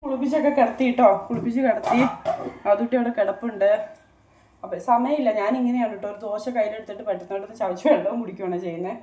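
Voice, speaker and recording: A woman's voice: fairly high pitch, fast, dark tone, echoey room, a little hiss or hum. Chatty woman vlogging at home. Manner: chatty, addresses viewers with frequent "kettō". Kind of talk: casual home vlog narration.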